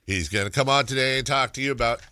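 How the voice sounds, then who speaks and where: A man's voice: mid-range voice, quick pace, pushed and bright, smooth, no echo. A man hosting sports radio with casual, bantering talk, close on a studio mic. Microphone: close studio microphone.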